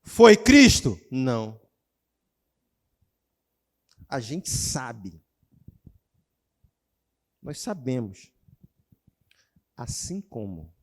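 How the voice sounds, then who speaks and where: A male pastor preaching a sermon in church, calling out questions to the congregation and moving between loud exclamations and quiet, low passages. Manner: animated preaching, calls out to the congregation, shifts between shouting and quiet.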